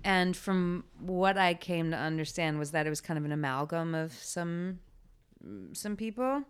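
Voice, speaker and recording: A woman from New Orleans, an actress guest, talking in a relaxed, laid-back way with casual swearing. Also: on the low side, a little slow, smooth. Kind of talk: casual interview chat.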